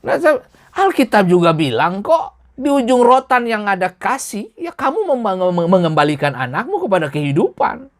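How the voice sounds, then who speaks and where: A middle-aged man preaching a sermon in a lively, colloquial way, addressing the congregation directly. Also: high-pitched, moderate pace. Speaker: pastor.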